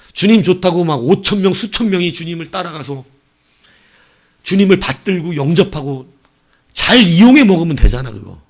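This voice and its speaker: A male pastor preaching a sermon, telling the story with animated bursts as he acts out quoted lines. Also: fairly high pitch, husky.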